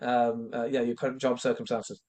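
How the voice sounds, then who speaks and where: A man's voice: mid-range voice, little pitch movement, moderate pace, darkish tone. A man hosting an informal interview, asking long questions in a hesitant way and often repeating his phrases. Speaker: interviewer, coach.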